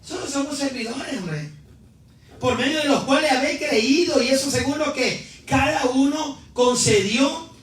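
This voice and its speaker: A male pastor preaching a sermon, shouting refrains and calling on the congregation to answer. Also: very high-pitched, normal speed. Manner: animated preaching, shouting refrains, calls for responses. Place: church sanctuary. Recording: echoey church hall, mic at a distance.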